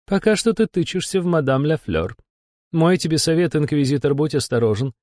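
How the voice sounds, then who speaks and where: A man voicing a weary, sarcastic female demon supervisor with a husky, irritated voice. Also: on the high side, animated, fairly quick, a little mellow, no room sound, clean studio sound, pitched above the performer's own voice, lightly acted. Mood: irritated mocking. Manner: irritated, mocking, drawling. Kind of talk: audiobook character voice.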